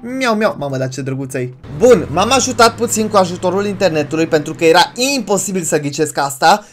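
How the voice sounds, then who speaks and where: A young woman giving chatty, excitable commentary as she plays a horror game, shrieking when startled. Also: medium pitch. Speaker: gaming YouTuber.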